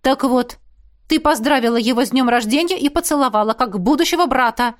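Audiobook: blunt, commanding young woman, read by a female narrator, brisk delivery. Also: sits high, natural voice. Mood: bossy. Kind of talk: audiobook reading.

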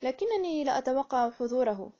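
A woman's voice: sits high, sing-song, brisk, dark tone. A woman voicing a young woman running a guesthouse, speaking in a fretful, flustered way, on a muffled recording. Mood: anxious. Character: anxious young woman innkeeper.

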